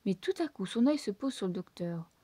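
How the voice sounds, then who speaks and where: Lively French storybook reader, mellow voice. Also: female voice, mid-range voice, brisk, slightly rough, no room sound. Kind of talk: reading a children's book aloud.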